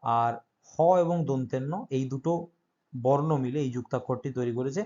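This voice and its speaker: A man's voice: medium pitch, moderate pace, a little mellow, muffled recording. A male teacher who explains an exam-prep grammar lesson step by step and keeps checking that his students follow.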